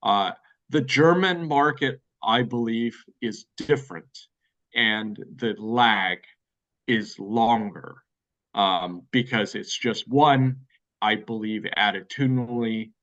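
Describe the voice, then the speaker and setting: A man's voice: medium pitch, slow pace, a bit bright, lo-fi sound. An American man answering interview questions at length, thoughtful and hedging, with many fillers and restarts. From United States. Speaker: guest expert.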